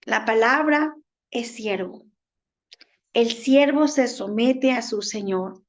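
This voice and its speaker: An Ecuadorian woman minister preaches in a high voice at an unhurried pace. She works through rhetorical questions. The recording is dull and lo-fi. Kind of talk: sermon.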